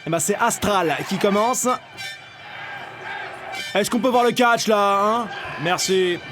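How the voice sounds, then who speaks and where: A man commentating wrestling as an excitable lucha libre announcer, with cheeky, mocking banter. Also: high-pitched, takes it slowly, over music, a crowd in the background.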